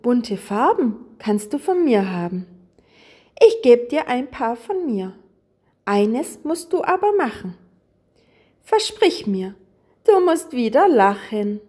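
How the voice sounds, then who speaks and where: A woman voicing a gentle female rainbow spirit with a soft, lilting, kind manner. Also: fairly high pitch, sing-song, slow, long pauses, slightly rough, heavily acted.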